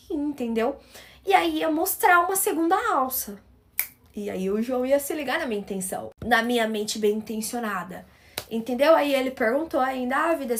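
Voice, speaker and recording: High-voiced female storyteller, chatty casual vlog delivery. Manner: chatty, keeps asking "entendeu?". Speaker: storyteller vlogger.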